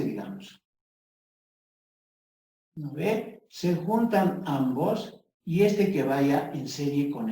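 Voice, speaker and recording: Echoey, distant teacher explaining at the board. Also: male voice, fairly high pitch, dark tone. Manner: explains step by step, constantly checking with tag questions. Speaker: math teacher. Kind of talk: classroom lecture at a board. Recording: very echoey room, voice from far off the mic.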